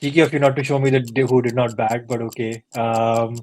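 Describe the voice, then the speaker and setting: A man's voice: mid-range voice, little pitch movement, a little fast, a little mellow, slight background noise. A man taking part in a cricket quiz in casual chat, thinking aloud with hesitant restarts. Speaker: quiz contestant and co-host.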